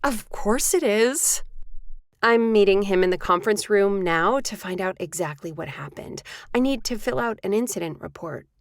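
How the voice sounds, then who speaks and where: A woman acting in a sitcom, talking in a brisk, expressive way. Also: mid-range voice, gravelly, no room sound, clean studio sound.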